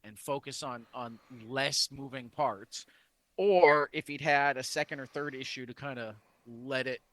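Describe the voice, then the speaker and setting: A man's voice: mid-range voice, unhurried, a bit bright, dry recording. A man co-hosting a comics podcast in casual chat, rambling with many restarts and fillers. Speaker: podcast co-host.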